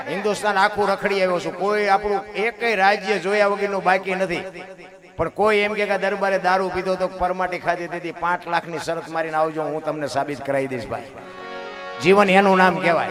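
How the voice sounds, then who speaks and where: A man telling a folk story with moral talk, animated, swinging from loud exclamations to soft asides and addressing listeners as 'bapu'. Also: high voice. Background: instrumental music.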